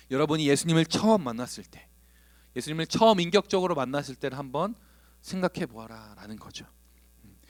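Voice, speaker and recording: A man's voice: fairly high pitch, dry recording. A young man, a youth pastor, preaching an earnest sermon to teenagers, repeating phrases and building to emphatic appeals. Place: church online service.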